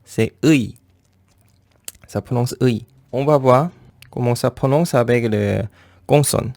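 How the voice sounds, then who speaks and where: A man teaching a beginner language lesson, talking haltingly and repeating each sound several times for the learner. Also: medium pitch, vocal fry, a little mellow, no room sound.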